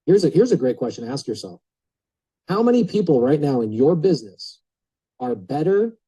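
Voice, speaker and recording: A man with a very dark, mellow, slightly husky voice gives a motivational talk on a coaching call. He's chatty and energetic, addressing the group directly as he tells his story. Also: mid-range voice, low-quality recording. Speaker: guest speaker on a coaching call.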